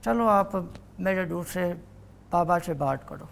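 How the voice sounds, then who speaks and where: Elderly grandfather, high and rambling, put on by a male mimic. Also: creaky. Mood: chatty.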